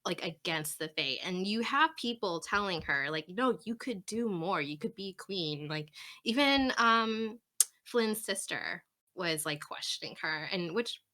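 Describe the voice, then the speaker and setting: Rambling woman, bright voice. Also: on the low side, animated, measured pace. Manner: rambling, hesitant, laughs often. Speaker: podcast co-host. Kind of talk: casual book discussion chat.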